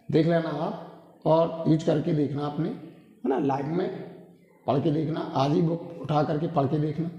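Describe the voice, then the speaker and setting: A man's voice: a little high, mellow, highs cut off. A man teaching a classroom-style pronunciation lesson, repeating himself and often checking in with tag questions. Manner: repetitive, drilling, frequent tag questions. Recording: roomy hall echo.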